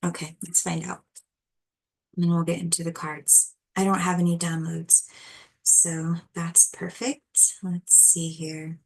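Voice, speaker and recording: A woman hosts her channel in a quiet, hushed voice, the kind used at night when others are sleeping. Her voice sits a little low and moves slowly. She chats casually and haltingly, often drifting off mid-thought. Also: level tone, creaky, low-quality recording. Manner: quiet, hushed talk so as not to wake people napping nearby. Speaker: channel host doing card readings. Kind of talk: casual chat.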